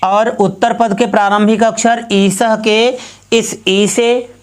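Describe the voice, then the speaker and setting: A woman gives a Sanskrit grammar lesson at an unhurried, very slow pace, breaking every example into small steps. Her pitch sits in a middle range, and she keeps restating each point so it sinks in. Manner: slow, methodical, repeats each step. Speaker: Sanskrit teacher.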